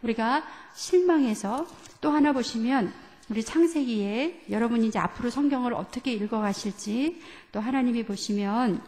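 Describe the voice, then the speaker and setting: Woman pastor, sermon lecture, fairly high voice, long church reverb, quizzes the listeners. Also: moderate pace, a little mellow. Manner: asks the congregation questions and leads group reading. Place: church sanctuary.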